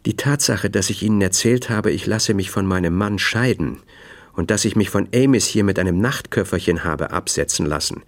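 A man's voice: deep voice, moderate pace. Man voicing a proud, hurt woman. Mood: indignant. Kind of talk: audiobook character voice.

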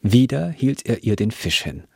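Husky low male reader. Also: no echo, studio quality. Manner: calm, measured reading. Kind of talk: scripted literary reading.

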